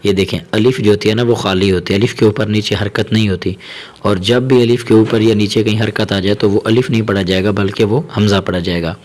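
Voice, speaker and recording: Male tajweed teacher with a lowish voice, patient and repetitive, stretches syllables slowly. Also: fairly even intonation, a little mellow. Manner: patient and repetitive, drawing out syllables slowly, often asking "okay?"; brisk explanations between slow syllable drills. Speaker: Quran reading teacher. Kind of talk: step-by-step tajweed lesson, spelling out letters and vowels.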